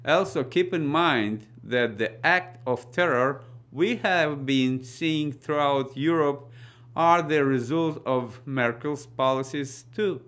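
A middle-aged man with a Russian accent presenting scripted news commentary in a deliberate reading manner. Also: fairly high pitch, a bit bright.

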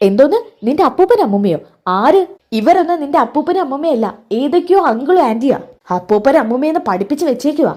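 A scornful young woman snaps her retorts in a raised, quick voice, as a woman storyteller puts her on. She sounds cold and impatient. The voice sits high, and the lines tumble out fast. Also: expressive, darkish tone. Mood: angry.

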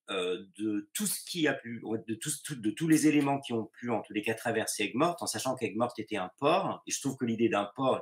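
Low-voiced artist searching for words. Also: male voice. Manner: searching, repeats words while thinking. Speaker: visual artist. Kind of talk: interview answer.

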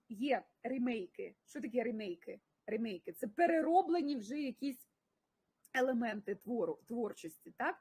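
A woman with a Ukrainian accent leads an online English lesson in a slightly high, husky voice. She switches between Ukrainian and English and praises her students by name. The sound is dry and close. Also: warm tone, dry recording. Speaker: English teacher. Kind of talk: online livestream language lesson.

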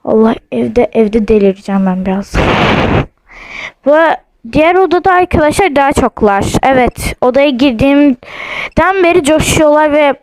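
A young woman vlogs at home in a house with her phone while playing a ghost-hunting app, jumpy and nervous, repeatedly saying she's scared. Her voice is high-pitched and darkish with lively intonation at a moderate pace, and the recording is dry and poor in quality.

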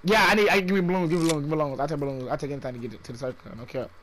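A young man streaming a game, chatting casually with excitable, slangy talk and quick repeated callouts. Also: on the high side, slight background noise. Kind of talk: casual gaming chat.

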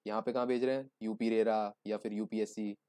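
Young guy teaching an exam class, low mellow voice, chatty and jokey, dry close sound. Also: little pitch movement, fairly quick, no room sound. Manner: joking, conversational Hinglish explaining. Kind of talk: exam-prep lecture.

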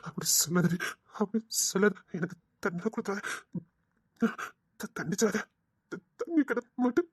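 A woman's voice: mid-range voice, very animated, moderate pace, pauses often, husky, dry recording, studio quality. A woman voicing a remorseful young husband who pleads with his wife, in a Tirunelveli Tamil accent, often whispering apologies. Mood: pleading.

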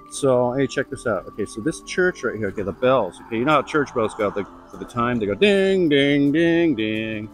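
A man's voice: medium pitch, low-quality recording. Man, middle-aged, rambling and blunt, outdoor walk-and-talk, lav mic, faint music behind. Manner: rambling, chatty, blunt asides. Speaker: vlogger. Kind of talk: casual walk-and-talk vlog. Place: outdoors on suburban streets. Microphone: lavalier mic.

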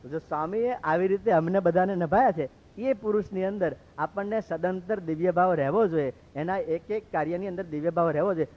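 A man from Gujarat, a monk telling stories in a lively sermon and acting out what others said. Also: high voice, brisk, few pauses. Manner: lively, acts out quoted speech. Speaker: monk preacher. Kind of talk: storytelling sermon. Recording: dull lo-fi recording.

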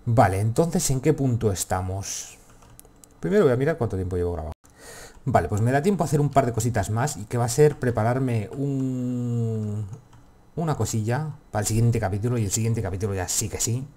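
A gaming video host from Spain with a Castilian accent rambles casually through gameplay, cursing freely as he talks to himself. His voice is medium in pitch, dark in tone and fairly quick.

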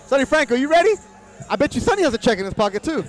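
A man's voice: very high-pitched, very animated, rapid-fire, soft background music. A man hosting casual, bantering boxing commentary from outdoors at ringside. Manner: bantering, informal. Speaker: boxing commentator, lead host. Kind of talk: casual sports broadcast commentary.

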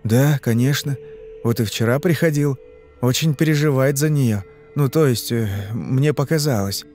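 A man's voice: mid-range voice, normal speed, a little mellow, faint music behind, natural voice. A man doing a flustered businessman father. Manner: flustered, hesitant. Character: anxious middle-aged businessman father. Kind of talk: audiobook reading.

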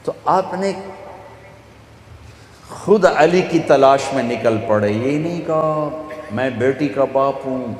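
Punjabi-accented preacher in an echoey hall. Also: male voice, medium pitch, long pauses, slight background noise. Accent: Pakistani Punjabi. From Pakistan. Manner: storytelling, acts out dialogue, switches into Punjabi for punchlines. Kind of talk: sermon. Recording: echoey hall, faint ambience.

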